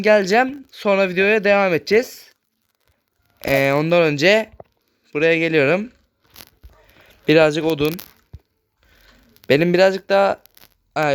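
High, clear-voiced man narrating gameplay. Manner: talks loudly on purpose so the voice carries; chatty, keeps addressing viewers as friends. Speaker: gaming channel host. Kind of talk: casual gameplay commentary.

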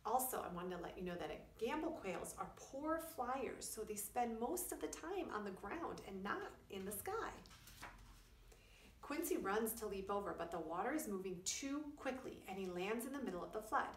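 A middle-aged woman, a preschool teacher, reads a children's story aloud with an animated mid-range voice at a moderate pace, keeping her explanations simple for young listeners. Captured by a camera a few feet away in a small wood-panelled room, the recording sounds roomy and distant.

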